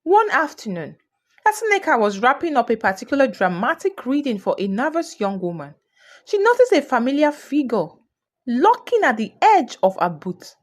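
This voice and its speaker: Woman, folktale narration, animated lively pitch, slightly high voice. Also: moderate pace. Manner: expressive, voices each character. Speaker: storyteller. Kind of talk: storybook narration.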